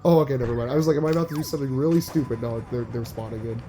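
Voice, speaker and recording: Over background noise, a young man hosting a gaming channel fires off rambling gameplay commentary at a rapid clip. His medium-pitched voice is slightly nasal, and he keeps restarting sentences and tossing in "like."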